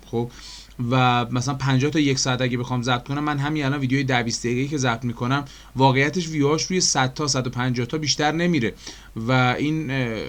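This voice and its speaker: A man with an Iranian Persian accent giving a chatty screen-recorded animation tutorial, explaining step by step with frequent fillers and questions to his viewers. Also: mid-range voice. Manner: addresses viewers as dear friends.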